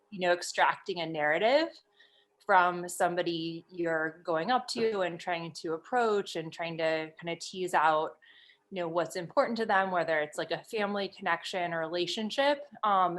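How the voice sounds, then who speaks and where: A woman's voice: on the low side, a bit bright, rough recording. Casual woman asking a question, camera off. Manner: informal, with many "like"s and "you know"s. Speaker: seminar participant asking a question. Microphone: video call with camera off.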